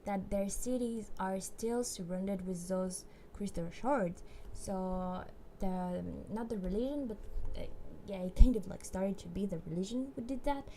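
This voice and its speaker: A woman chats casually on a livestream, thinking aloud and restarting her sentences. Her voice is mellow and her pace unhurried. A faint hum sits under the recording. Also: medium pitch. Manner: hesitant, many fillers and restarts. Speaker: streamer.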